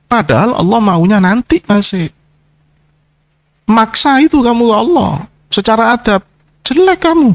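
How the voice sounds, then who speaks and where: A man giving an informal sermon as a kiai, scolding and mocking his listeners, sliding from low murmurs into sharp high outbursts. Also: no echo. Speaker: kiai, Islamic preacher.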